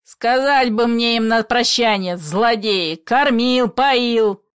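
A woman doing a shouting bitter old father. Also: medium pitch, slow pace, no room sound, studio quality, natural voice. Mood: angry. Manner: furious shouting. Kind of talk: play reading.

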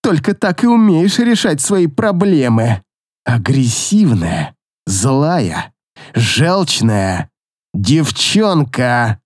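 A man voicing a cruel middle-aged mother in an audiobook, hurling shrill accusations. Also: sing-song, extremely slow, no room sound, clean studio sound, full character voice. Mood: scornful. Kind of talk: audiobook character voice.

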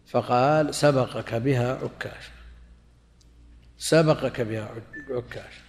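A man's voice: mid-range voice, a little hiss or hum. Man lecturing on hadith in a reverberant hall. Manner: measured, repeats phrases while explaining. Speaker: Islamic scholar. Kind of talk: lecture explaining hadith commentary.

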